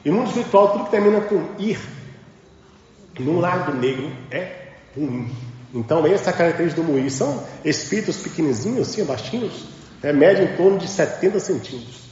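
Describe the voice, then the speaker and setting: A man's voice: a little high, animated, brisk, a little mellow, a little hiss or hum. A man teaching a religious class in a temple, emphatic and full of rhetorical questions to his students. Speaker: spiritual teacher. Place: large temple hall. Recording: echoey hall with dull lo-fi sound.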